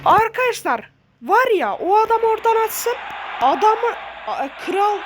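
Excitable woman yelling over a game. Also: very high voice, unhurried. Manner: shouting, exasperated, swearing at the game. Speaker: gaming video host. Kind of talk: excited live game commentary. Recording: loud background noise and clicks.

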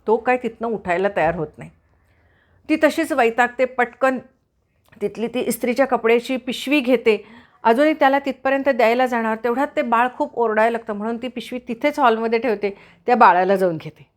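A woman retells a busy morning at home in a casual storytelling way. Her voice sits a little high, and she briefly slips into the voices of the people she describes. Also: fairly quick. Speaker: doctor giving family advice.

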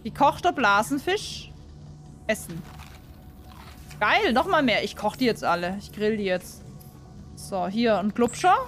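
A woman commentating a video game in casual, excitable chat and talking to her community. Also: mid-range voice, unhurried, pauses often. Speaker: gaming YouTuber. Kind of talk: casual let's play commentary. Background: game music.

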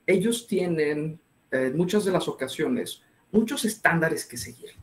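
A man's voice: fairly high pitch, expressive, a little slow, roomy sound. A man giving an interactive online lecture, asking his audience many questions. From northern Mexico. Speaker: webinar speaker.

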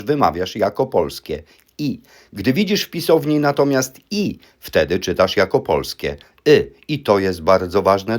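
A man teaching English pronunciation in a firm, emphatic scripted monologue, drilling word pairs one by one. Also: on the low side.

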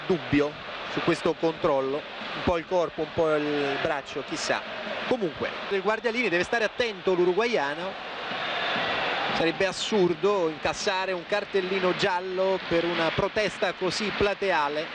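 Measured male football commentator over loud noise. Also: high voice. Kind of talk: football replay analysis and commentary. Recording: noisy stadium broadcast. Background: loud stadium noise.

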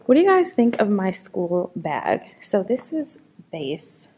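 A woman's voice: mid-range voice, huge pitch swings, slow, background noise. A young woman chatting casually to camera in a vlog, rambling with lots of fillers and talking while walking about. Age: young adult. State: out of breath. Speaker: vlogger.

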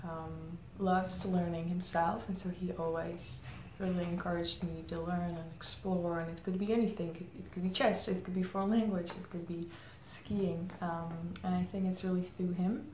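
She's a thoughtful Czech woman, a marketing head appearing as an interview guest, filling her reflective answers with many "um"s. Her voice is low-ish and dark, with fairly even intonation. Roomy echo and faint ambient noise fill the indoor space behind her plain grey backdrop.

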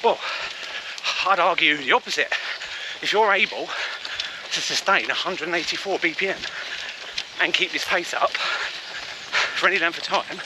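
Male running vlogger, slightly high voice, talking casually mid-run, heavy outdoor noise. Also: moderate pace, long pauses. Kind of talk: casual running vlog commentary. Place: outdoors on the move in rain. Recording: noisy outdoor recording with wind, traffic.

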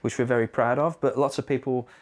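Male product rep, 30s, conversational demo delivery, mid-pitched voice. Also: fairly even intonation, quick pace. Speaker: product representative for a guitar amp brand. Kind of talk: casual product demo chat. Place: indoor guitar shop.

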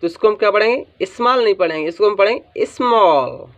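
High-voiced man teaching English phonics. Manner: asks questions and answers them himself, sounding out letters; drawls some words slowly for emphasis. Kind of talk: spoken phonics lesson. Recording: dull lo-fi sound.

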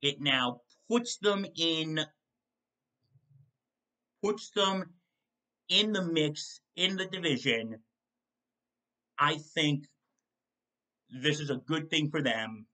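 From his home kitchen, a young sports show host runs a solo football postgame recap, rattling off stat lines in quick lists and fixing his own mistakes as he goes. His pitch is fairly high and his tone sharp, picked up by a desk mic placed in front of a webcam.

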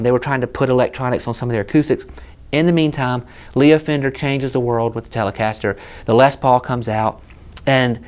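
A slightly mellow, medium-pitched male voice belongs to a South Carolina man in his thirties with a Southern US accent. Surrounded by hanging guitars in a shop, he casually tells stories and explains a guitar in a hands-on gear demo chat.

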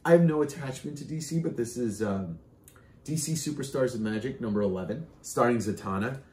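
Loud, animated middle-aged man in a roomy space. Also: mid-range voice, a little fast, slight background noise. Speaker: co-host of a comic collecting show. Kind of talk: casual chat showing off comic finds. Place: indoor room lined with comic shelves, seated at a table. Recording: roomy echo.

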